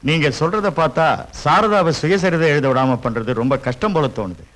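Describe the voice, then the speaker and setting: An actor playing a cautious government official who warns against acting rashly, in dubbed film dialogue. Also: male voice, a little high, fairly bright tone, natural voice. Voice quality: measured, cautious. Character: cautious government official, middle-aged man.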